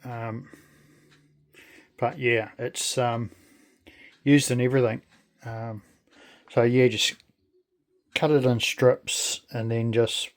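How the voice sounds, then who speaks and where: A man talks through a casual hands-on demonstration. His voice sits at a medium pitch, and he speaks very slowly, in a halting, friendly way. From New Zealand. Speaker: video creator.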